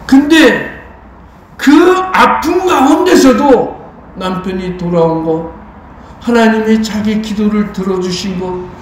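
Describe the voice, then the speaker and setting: A man's voice: high-pitched, expressive, slow pace, a little hiss or hum. A man pastor preaching a sermon, telling a story and asking the congregation rhetorical questions. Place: church sanctuary. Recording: very echoey church hall.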